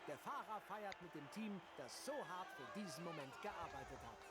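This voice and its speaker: A man playing an excited TV motor racing commentator in a video game, delivering scripted broadcast lines. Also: high voice, moderate pace, over a noisy crowd. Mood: enthusiastic. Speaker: sports commentator. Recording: very noisy, trackside ambience behind.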